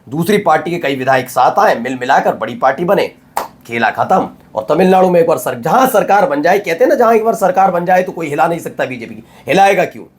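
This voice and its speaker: A man hosting a news channel, delivering a sarcastic, emphatic political commentary monologue. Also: sits high.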